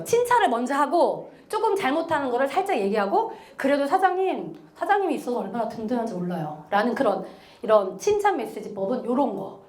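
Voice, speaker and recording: A woman giving a lively business seminar lecture, acting out quoted remarks and laughing often. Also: sits high. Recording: echoey lecture room.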